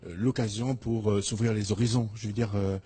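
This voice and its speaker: A man hosting a studio interview, talking in a halting way with many fillers. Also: on the low side, fairly even intonation, warm tone, slightly rough. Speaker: TV show host.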